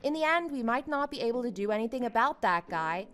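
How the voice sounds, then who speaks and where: Actress as young female office worker, friendly, confiding, lively high-ish voice, story drama, music behind. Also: fast. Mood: grateful, warm. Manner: expressive, confiding.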